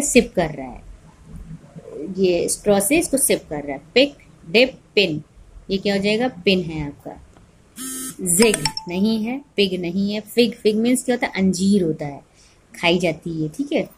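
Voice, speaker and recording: Woman teacher, husky tone, patient phonics drill for kindergarteners, spells letters then reads the word. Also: medium pitch, a little mellow. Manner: spells words letter by letter, then says them slowly; asks questions and answers them herself. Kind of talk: online kindergarten phonics lesson.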